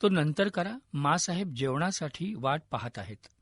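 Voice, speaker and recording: A young queen, gentle and softly teasing, as a male narrator puts her on. The delivery is fairly high and slow, recorded dry and close. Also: expressive, breathy edge, no echo.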